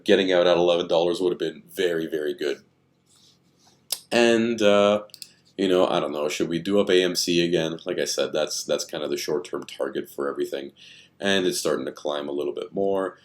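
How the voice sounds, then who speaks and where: A man's voice: sits low, brisk. A man giving casual, rambling commentary on stock charts, thinking aloud with many fillers, tired and yawning.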